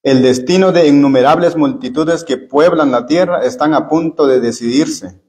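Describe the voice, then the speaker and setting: A man preaching at a church Bible study, pitched somewhat high for a man. He talks earnestly and often turns to his listeners as brothers. He tends to repeat words while he looks for the right phrasing. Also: normal speed, a little mellow. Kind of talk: Spanish-language church Bible study sermon.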